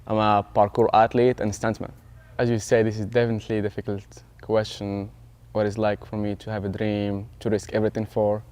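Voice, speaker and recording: A man's voice: on the low side, monotone, fairly quick, darkish tone. A young man from Morocco, a parkour athlete and stuntman, talking reflectively in a sit-down interview. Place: dark studio with curtain backdrop.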